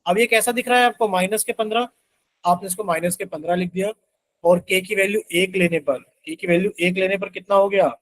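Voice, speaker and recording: High-voiced man teaching an online math class. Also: fairly even intonation, a little fast. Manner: asks students questions constantly, voices their replies as "sir".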